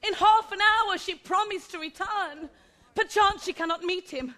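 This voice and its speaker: A woman's voice: extremely high pitch, moderate pace, bright, forceful tone. A woman playing an impatient lovesick young girl. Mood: impatient pleading. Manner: impatient, pleading. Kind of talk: Shakespeare stage acting.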